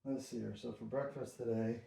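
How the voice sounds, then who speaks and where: A man's voice: mid-range voice, steady tone, moderate pace, gravelly, dark tone. A man talking casually and conversationally in a rambling workout vlog. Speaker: workout vlogger. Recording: roomy echo, distant mic.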